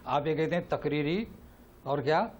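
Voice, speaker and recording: A man's voice: a little high, a little mellow. A male Islamic teacher giving a Quran lesson and answering questions. He talks with emphasis and keeps repeating rhetorical questions to drive his point home.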